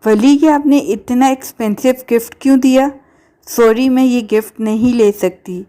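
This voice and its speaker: Principled young bride in a storybook novel, woman reading her, firm earnest tone, kinda high voice. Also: dark tone, natural voice.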